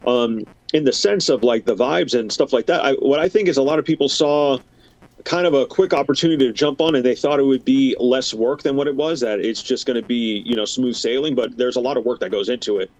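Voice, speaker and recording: A man's voice: medium pitch, fairly quick, darkish tone, low-quality recording. A man as a podcast guest, speaking hesitantly with many fillers and restarts. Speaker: podcast guest, former team member. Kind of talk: casual podcast chat.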